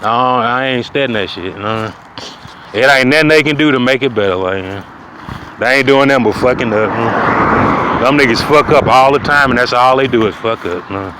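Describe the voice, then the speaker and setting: A man ranting profanely outdoors, preaching loudly at times and dropping to a low mutter. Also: fairly quick. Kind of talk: outdoor rant to camera. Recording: wind noise outdoors.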